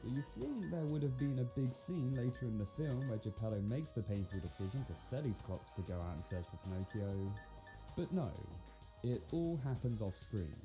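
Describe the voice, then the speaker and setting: A man gives a scripted film review. He sounds sarcastic and incredulous, with lively pitch movement, and music plays clearly behind him. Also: moderate pace. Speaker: video commentator and film critic.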